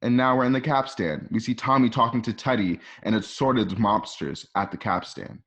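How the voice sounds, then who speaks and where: Reading the screen directions for an online radio drama, a male narrator works through the scripted scene directions, stumbling at times and correcting himself. His voice is mid-range and husky with a fairly bright tone, at normal speed. The sound comes from a dull, lo-fi home setup.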